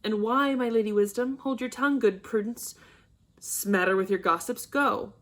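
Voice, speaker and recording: A woman reading an angry, domineering old father, a nobleman, who bursts into shouting and scolding. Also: fairly high pitch, normal speed, close to an everyday voice. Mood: furious.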